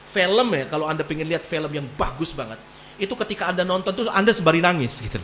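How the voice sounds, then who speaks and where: Animated, colloquial male preacher. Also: a little high, fast talker, a little hiss or hum. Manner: animated, colloquial, acts out voices. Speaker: pastor. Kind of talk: sermon.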